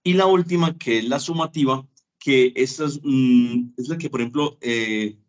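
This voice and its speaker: A man's voice: mid-range voice, normal speed, muffled recording. Chatty male teacher. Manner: chatty, acts out little dialogues. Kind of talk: web conference lecture.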